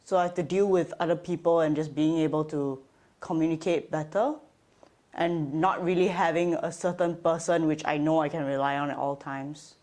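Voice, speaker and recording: Brief: young woman from Malaysia, notably low voice, casual student interview answers. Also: fairly even intonation, moderate pace, a little mellow. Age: young adult. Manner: casual, with fillers like basically. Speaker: fashion management student.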